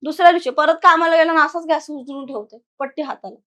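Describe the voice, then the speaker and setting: Woman, young adult, guest storyteller, casual horror retelling, fairly high voice. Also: fast. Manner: conversational, animated retelling with quoted voices.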